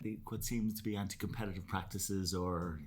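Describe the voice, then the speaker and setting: A man's voice: low voice, fairly even intonation, brisk, darkish tone. A man co-hosting a casual business podcast, chatty and jokey with rambling asides. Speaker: podcast co-host.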